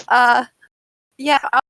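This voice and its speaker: A woman's voice: a little high, bright, forceful tone, no echo, low-quality recording. A woman playing a tabletop role-playing game, giggly and flustered as she talks in character. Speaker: player.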